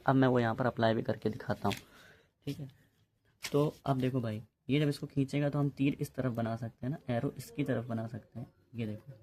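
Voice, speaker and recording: A man's voice: medium pitch, a little mellow, slight background noise. A man teaching a physics lesson in a casual, chatty way, often checking in with his students. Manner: chatty, addresses students as bhai, repeats ok.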